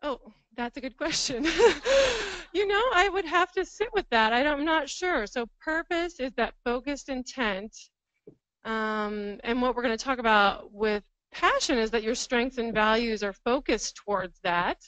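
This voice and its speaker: A woman's voice: a little high, animated, a little slow, fairly bright tone, clean tone, no room sound, poor audio. A woman presenting a counseling workshop to a live room, thinking aloud and laughing often. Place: training room with live audience.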